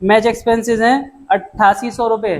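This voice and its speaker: High-voiced male commerce tutor. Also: flat delivery, a little hiss or hum, low-quality recording. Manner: brisk and chatty, addresses students as "beta" and "dost"; mixes English terms into explanations. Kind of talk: classroom lecture.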